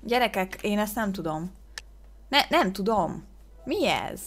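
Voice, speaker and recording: A woman's voice: medium pitch, faint music behind. A woman hosting a game video, commenting casually, exclaiming and gasping as she guesses, and sounding out English words hesitantly. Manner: excitable, exclaims and gasps while guessing. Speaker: gaming video host.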